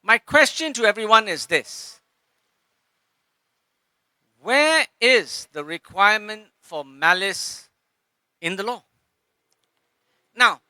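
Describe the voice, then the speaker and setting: A Singaporean man giving an impassioned public speech at a rally, with halting pauses and restarts. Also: very high voice, pushed and bright, dry recording.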